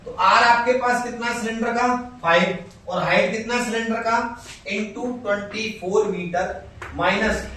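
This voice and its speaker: A man teaching a school maths lesson, explaining step by step, repeating key terms and reading the English question out slowly. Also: sits high, bright, forceful tone. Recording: very echoey room, far from mic, faint hiss.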